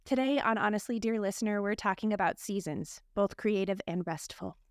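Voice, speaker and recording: Chatty woman with a smooth, clear voice. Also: mid-range voice, brisk, no room sound, studio quality. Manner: chatty, laughing, filler-heavy storytelling. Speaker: podcast co-host. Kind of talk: casual podcast chat. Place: abroad in a hotel room or similar.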